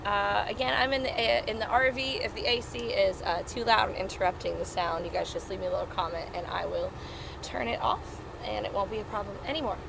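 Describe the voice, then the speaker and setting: A woman's voice: mid-range voice, a little fast, vocal fry, noisy background. A woman hosting a casual livestream from inside a small RV trailer, talking in a folksy, chatty, welcoming way. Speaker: livestream host and singer-musician. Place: inside an RV with air conditioning running. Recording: small trailer interior, music behind.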